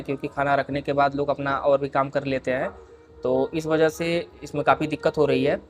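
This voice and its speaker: A man hosting a repair tutorial, explaining each step patiently as he works and often calling his viewers dear friends. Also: on the high side. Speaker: repair video host.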